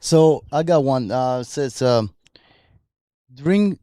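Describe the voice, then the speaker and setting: A man's voice: mid-range voice, slow, dark tone, clean tone, no room sound. A man who co-hosts a podcast and talks earnestly and motivationally about his life, at times searching for words. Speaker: podcast co-host. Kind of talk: casual podcast chat.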